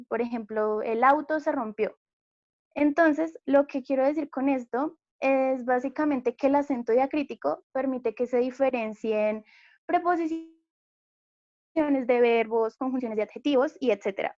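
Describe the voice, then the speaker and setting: A young Colombian woman with a high voice gives a class presentation, explaining patiently and padding her sentences with small fillers. The sound is dry and close, on a dull, lo-fi recording. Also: a little mellow, dry recording. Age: young adult. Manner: explanatory, many fillers like eh and pues. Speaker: student presenter.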